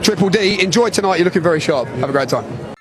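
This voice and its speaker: A man doing gushing, flattering red carpet chatter as an event interviewer. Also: high-pitched, fast, over music. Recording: noisy outdoor street with traffic.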